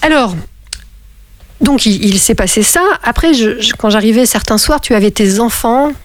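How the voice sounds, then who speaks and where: A woman's voice: a little high, normal speed. A middle-aged woman, hosting a radio show and chatting casually on the phone, with lots of restarts. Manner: chatty, laughing, many restarts. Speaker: radio host. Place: radio studio.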